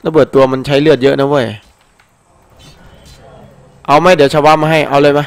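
A man giving excited, casual commentary over his own gameplay, exclaiming often and swearing when the action heats up. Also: a little high, a little fast.

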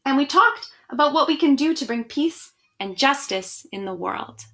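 In a small room at home, a woman in her thirties with a slightly high, somewhat bright voice reads storybooks aloud to children at a moderate, animated pace. As an education director doing online storytime, she speaks to her young viewers directly and reads with expression.

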